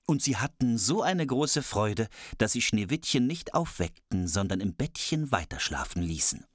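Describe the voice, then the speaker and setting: Someone reading a fairy tale aloud in a lively, playful way, adding cheeky asides. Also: medium pitch, moderate pace, no room sound, studio quality. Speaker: storyteller.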